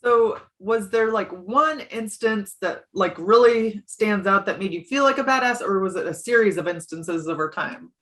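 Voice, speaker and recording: A woman's voice: mid-range voice, moderate pace, few pauses, fairly bright tone. A woman hosting a podcast interview, upbeat and encouraging toward her guest. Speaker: podcast host. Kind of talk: casual interview.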